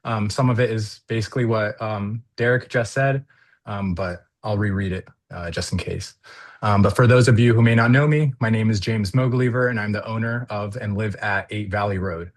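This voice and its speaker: Man on a video call, low voice. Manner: earnest, halting with fillers. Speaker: applicant at a zoning hearing. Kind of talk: reading a prepared statement.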